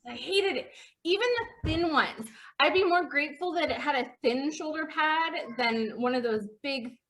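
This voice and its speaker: High bright giggly woman. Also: moderate pace, slight background noise, rough recording. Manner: giggly, self-deprecating storyteller. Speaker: podcast co-host. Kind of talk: casual chat.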